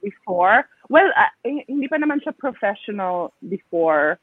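A young Filipino woman with a Filipino accent, chatting as an interview guest in a relaxed, rambling way with many fillers. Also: mid-range voice, moderate pace. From Philippines. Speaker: guest athlete. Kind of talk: casual interview chat, mixing English and Tagalog. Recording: tinny phone-like dry line.

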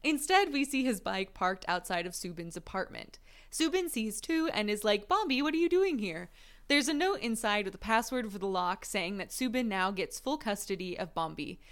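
A woman's voice: medium pitch, expressive, normal speed, fairly bright tone. Giggly woman recapping a show. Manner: giggly, breaks into laughter while reading. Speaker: podcast co-host recapping a drama. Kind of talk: casual chat with plot recap.

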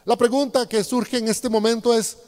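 A man preaches a sermon, speaking directly to his congregation and often asking them questions. His voice sits high for a man. It rings with the long reverb of a large hall. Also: flat delivery, moderate pace, a little mellow.

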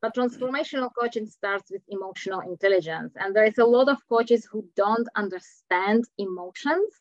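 Speaking at a normal speed in a medium pitch, this middle-aged woman from the Czech Republic is a coach being interviewed on a podcast. She has a Czech accent, speaks earnestly, and occasionally gropes for words, captured on dull lo-fi audio with no room sound.

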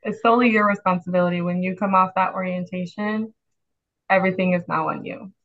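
Measured woman nurse, muffled lo-fi sound. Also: fairly low pitch, steady tone, fairly bright tone. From Chicago area, US. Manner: measured, explanatory. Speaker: nurse guest. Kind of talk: casual podcast conversation.

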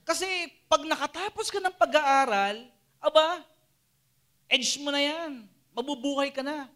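A man preaching to a youth group, animated and always checking in with his listeners. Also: very high voice, measured pace. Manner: animated, keeps asking the listeners "Amen?" and "di ba?". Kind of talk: Taglish sermon to a live and Zoom audience.

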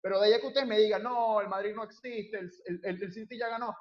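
Fast, high Venezuelan man arguing hard. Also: highs cut off, over a noisy crowd. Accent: Venezuelan Spanish. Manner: excitable, interrupts, repeats phrases. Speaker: football debate panelist. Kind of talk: heated casual debate.

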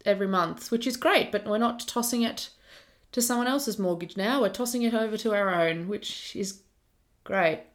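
A woman's voice: a little high, fairly quick. A young Australian woman co-hosting a podcast, chatting in an upbeat, rambling way. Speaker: podcast co-host. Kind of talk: casual chat.

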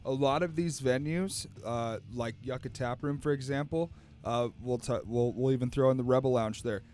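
A man co-hosting a podcast in casual chat, easygoing and quick to agree with the others. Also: medium pitch, a little mellow. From Arizona, USA. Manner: affirming, easygoing, says "absolutely" a lot. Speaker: podcast co-host.

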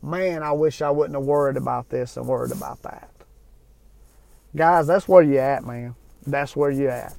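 A man in his forties gives an earnest, folksy motivational talk to camera for his viewers, often repeating himself and restarting phrases. His mid-range voice is gravelly and a little mellow, at normal speed, in a dry recording.

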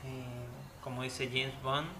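A man's voice: medium pitch, completely flat delivery, takes it slowly, sharp tone, slight background noise. A young man with a Chilean accent hosting a casual cocktail show, explaining the recipe with crude jokes. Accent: Chilean Spanish. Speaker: host mixing cocktails.

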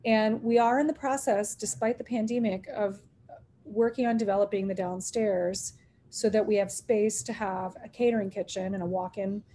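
A woman's voice: mid-range voice, mellow, slight background noise. A middle-aged woman who owns a restaurant, telling stories in an interview, acting out quoted dialogue and laughing often. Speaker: restaurant owner. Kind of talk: animated storytelling in an interview.

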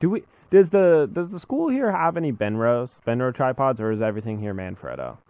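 A man's voice: mid-range voice, very animated, brisk, clean tone, no room sound. A young man hosting a podcast in a casual, chatty style. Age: young adult. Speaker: podcast host. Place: small school room, indoors. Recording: muffled phone-like audio, dry.

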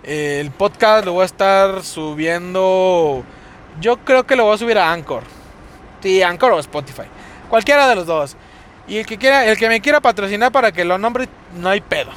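A man's voice: high-pitched, normal speed, a bit bright. A young man with a Mexico City accent, rambling and cursing casually through a solo podcast while driving his car. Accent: Mexico City Spanish. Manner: rambling, profane, sing-song delivery. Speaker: podcast host. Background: car and road noise.

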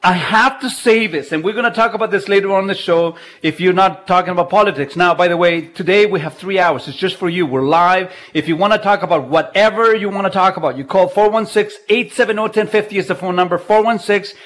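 A man's voice: high voice, brisk, few pauses, fairly bright tone. A man hosting a live radio call-in show from his home, chatty and jokey, laughing often. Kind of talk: casual live radio talk. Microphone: video call.

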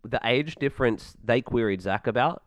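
A man's voice: mid-range voice, normal speed, dry recording. An Australian man co-hosting a podcast in casual chat, joking and sarcastic, with some swearing. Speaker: podcast co-host.

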